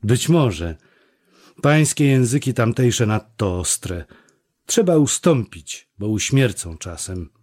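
A terse, proud young man from an audiobook, read by a man in his own plain, middle-pitched voice. He answers curtly and unhurriedly, with dry, clipped replies. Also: very animated, takes it slowly, a little mellow. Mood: dryly mocking. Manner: laconic, curt.

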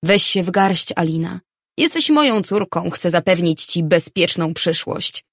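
A woman voicing a stern middle-aged mother who speaks firmly and insistently, scolding her grown daughter in a slow, controlling way. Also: fairly low pitch, animated, dry recording, studio quality.

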